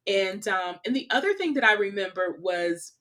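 A woman from California, a podcast interview guest, telling travel stories in casual conversation, animated and quick to laugh, with frequent "like" and "you know". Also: mid-range voice.

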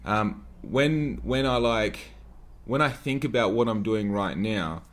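A man's voice: fairly low pitch, takes it slowly. A man in his late twenties hosting a solo podcast, talking in a rambling, profane way full of "like" and loose asides. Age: 20s. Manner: rambling, profane, filler-heavy with frequent "like". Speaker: podcast host.

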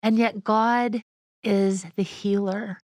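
A woman hosts a podcast interview in an unhurried, gentle, affirming way. Her pacing is very slow. The recording is dry and close, with no room sound. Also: mid-range voice, fairly even intonation, dry recording. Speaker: podcast host. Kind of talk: conversational interview.

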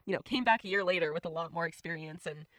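A woman's voice: fairly low pitch, fast talker, fairly bright tone, dry recording. A woman hosting a podcast, chatting and interviewing in an informal, upbeat way. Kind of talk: casual chat.

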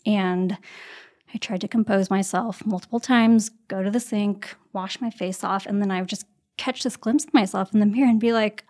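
A woman in her thirties recounts a personal story in a mid-pitched voice. She slips into animated impressions of the people she quotes, with ums and restarts in between. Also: moderate pace. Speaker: guest.

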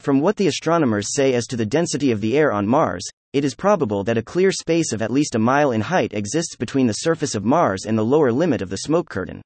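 A man narrates a story at a middle pitch, reading in an even, unhurried way. The sound is close and dry, with no room around the voice. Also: no echo. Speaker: audiobook narrator. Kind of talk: scripted narration.

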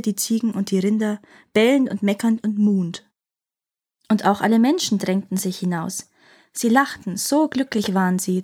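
Husky woman reading a fairy tale. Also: medium pitch, mellow. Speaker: storyteller, podcast host.

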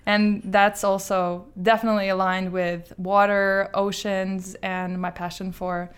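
A woman's voice: mid-range voice, little pitch movement, measured pace, clean tone. A woman from Azerbaijan, speaking as a guest in a conversational interview. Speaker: interview guest, startup founder.

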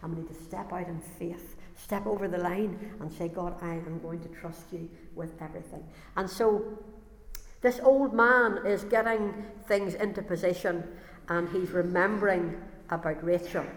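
A woman's voice: fairly low pitch, fairly even intonation, moderate pace. A woman preaching a sermon to a congregation in an earnest way, often repeating words as she builds a point. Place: church or hall, before a congregation. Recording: echoey hall with long reverb.

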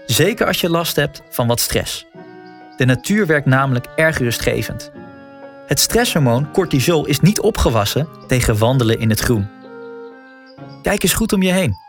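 Lively male wellness coach over music. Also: a little high. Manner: informal, encouraging, addresses the listener directly. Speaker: guided walk and breathing coach. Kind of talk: scripted instructional narration for a guided wellness audio walk.

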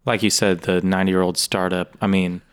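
A man's voice: deep voice, flat delivery, a little fast, smooth. A man co-hosting a casual podcast, chatting in an easygoing, agreeable way. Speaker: podcast co-host, music store employee.

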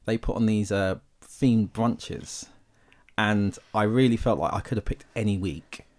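A man's voice: lowish voice, fairly even intonation, measured pace, a little mellow. A man hosting a podcast in casual chat, rambling and stumbling over his words. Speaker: podcast host.

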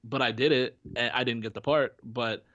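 A man's voice: mid-range voice, steady tone, moderate pace, a bit bright, no room sound, dull audio. A man co-hosting a podcast in casual chat, rambling with many restarts and fillers. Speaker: podcast co-host. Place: home in Florida.

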